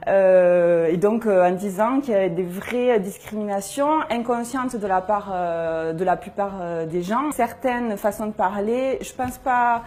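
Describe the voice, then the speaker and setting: A woman's voice: medium pitch, a little slow, few pauses, darkish tone. A young woman giving a personal testimony in an interview, speaking in a reflective, hesitant way as she searches for words.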